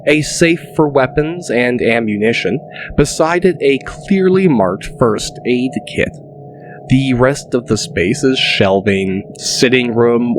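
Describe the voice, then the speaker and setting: Narrating a dramatic fantasy audiobook, a man speaks slowly and deliberately at an average pitch, with a descriptive delivery. Music plays clearly in the background.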